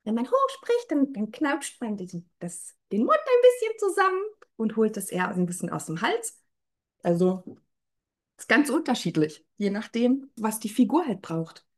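A woman's voice: fairly high pitch, big pitch swings, moderate pace, hardly any pauses. A woman who edits audiobooks, explaining her craft thoughtfully in an interview. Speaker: audiobook editor.

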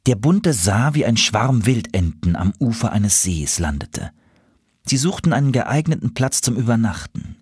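A man reading a children's story aloud, calm and expressive. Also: mid-range voice, moderate pace, slightly rough, no echo, studio quality.

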